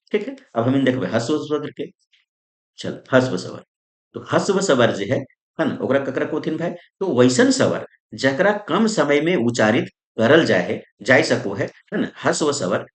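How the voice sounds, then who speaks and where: A male grammar teacher, teaching in a lively, sing-song way that rises and falls. His voice rings around an echoey room. He fires questions at the class, answers them himself and keeps checking that everyone follows. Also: fairly high pitch. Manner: constant checks like "isn't it?" and "okay?". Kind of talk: exam-prep grammar lesson.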